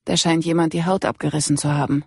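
A steady, serious male colleague who speaks low-key and calm, read by an audiobook narrator. His voice has a gravelly, husky grain and sits at a middle pitch. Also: fast talker, no echo, studio quality.

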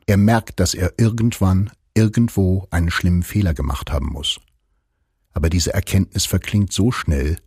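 A man narrates a novel in measured, steady storytelling. His voice sits low and sounds husky. The recording is dry, with no room echo. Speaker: audiobook narrator. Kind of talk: scripted narration.

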